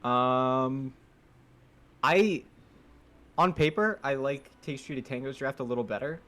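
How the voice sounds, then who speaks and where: A man's voice: medium pitch, measured pace, pushed and bright. A man co-casting an esports match in a casual way, often starting with ums and uhs. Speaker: esports co-caster. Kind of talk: casual game commentary.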